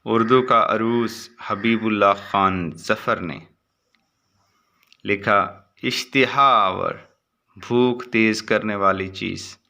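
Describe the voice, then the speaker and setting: A man reading short exam answers aloud as a teacher, in a steady recitation with brief asides. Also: on the low side, vocal fry.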